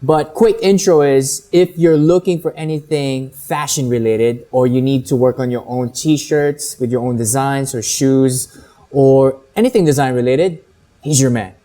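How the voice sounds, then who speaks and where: A man hosting an interview, opening with a brisk, upbeat introduction and asking short questions. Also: mid-range voice, warm tone. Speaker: interview host.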